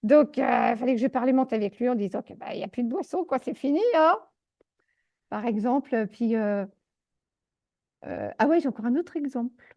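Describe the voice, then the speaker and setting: A fairly high-pitched woman recounts her experiences in a relaxed, mellow tone, breaking off into exclamations and restarts. The audio is dull and lo-fi. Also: moderate pace. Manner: animated, exclamatory, many fillers and restarts. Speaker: energy healer guest. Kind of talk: casual storytelling interview.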